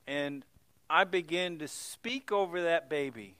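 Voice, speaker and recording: A middle-aged male pastor telling stories in a sermon, swinging from loud exclamations to hushed, near-whispered moments. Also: fairly high pitch, a little slow, clear, resonant tone, no room sound.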